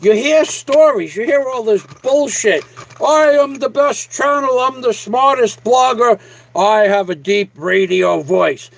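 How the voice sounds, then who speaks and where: His voice is very high and creaky, and he talks unhurriedly in a rough recording. On a casual livestream, the man rants at a viewer with boastful, combative, foul-mouthed talk.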